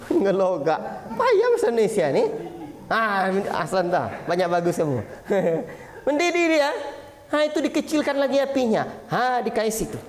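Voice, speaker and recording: A man's voice: high-pitched, wildly swooping pitch, moderate pace. A man giving a religious lesson to parents in a small prayer hall, asking rhetorical questions and acting out little parent-child exchanges. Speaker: Islamic preacher.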